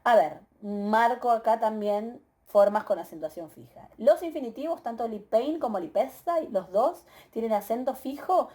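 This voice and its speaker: A woman teacher with an Argentine Spanish accent, giving a methodical recorded grammar lecture, often pausing with "eh" and checking in with her students. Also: fairly high pitch, animated, mellow. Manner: methodical, explanatory, many filler "eh"s and rhetorical "¿sí?" checks.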